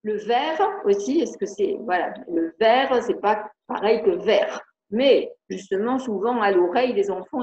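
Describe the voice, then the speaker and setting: An older woman, a speech therapist, explaining spelling exercises in a video conference, slowly spelling out syllables and letters. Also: medium pitch, darkish tone, a little hiss or hum. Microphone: video call. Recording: echoey, dull video call audio.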